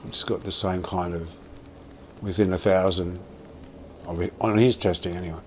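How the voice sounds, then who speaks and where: A man with a fairly low voice talks casually over a livestreamed game, musing aloud and circling back on his words. He chews gum as he goes, and a faint hiss sits under the recording. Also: fairly even intonation, moderate pace. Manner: rambling, thinking aloud with many restarts; chewing gum while talking. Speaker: game streamer. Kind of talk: casual gameplay commentary.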